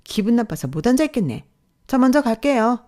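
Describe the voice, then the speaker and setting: A woman's voice: medium pitch, sing-song, moderate pace, dark tone, voice pushed up, natural voice. A woman putting on a snippy, vain young wife. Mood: angry. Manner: snippy and scornful. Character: vain, sharp-tongued young married woman. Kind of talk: storytelling role-play.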